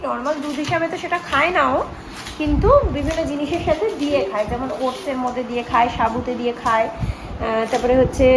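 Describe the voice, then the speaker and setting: A woman, a mother, chatting casually in a home vlog and coaxing her small son. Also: high-pitched. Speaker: vlogger, mother. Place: home indoors. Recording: noisy home ambience.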